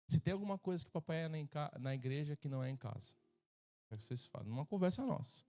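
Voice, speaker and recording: A man's voice: on the high side, expressive, fast, mellow. A middle-aged Brazilian man preaching as a pastor at a church service, joking and acting out voices from his stories. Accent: Brazilian Portuguese. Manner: humorous, acts out quoted voices. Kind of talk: sermon.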